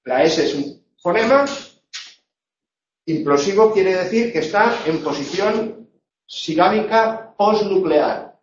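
A man teaching a class on pronunciation, drawing out his examples slowly and checking in with the students again and again. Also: sits high, expressive. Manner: slow, drawn-out examples with frequent "¿eh?" and "¿vale?" checks. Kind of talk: classroom lecture on phonetics. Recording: echoey room, distant lo-fi mic.

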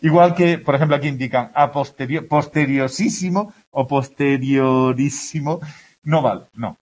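Husky man teaching grammar. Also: medium pitch, normal speed, a little mellow. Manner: explanatory, checks understanding with frequent "¿de acuerdo?". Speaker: language teacher. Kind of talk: grammar lesson to a class.

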